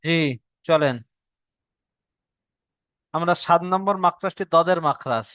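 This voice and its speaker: Man, Bengali accent, patient tajweed teacher, smooth resonant voice, dry close sound. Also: on the high side, a bit bright, no echo. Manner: patient, repeats each point slowly for the student. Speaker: Quran recitation teacher. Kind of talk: online tajweed lesson.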